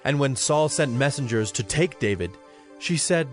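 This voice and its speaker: A man's voice: mid-range voice, animated, normal speed. A man narrating scripture from a script as the narrator of a dramatized audio production. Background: music under the voice.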